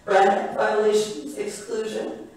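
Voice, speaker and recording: A hoarse woman whose voice is nearly gone gives a public comment to a city council, blunt and sarcastic. She stands well back from the microphone, and the big council chamber rings with echo around her. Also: mid-range voice, fairly even intonation, takes it slowly, a little mellow. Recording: echoey council chamber, far from the mic.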